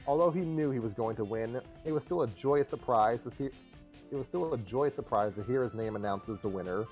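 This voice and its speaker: Reading a comic story aloud as narrator on a live stream, a man with a mid-range, darkish voice moves briskly, sometimes stumbling and re-reading phrases. Music plays behind him, and the recording is rough.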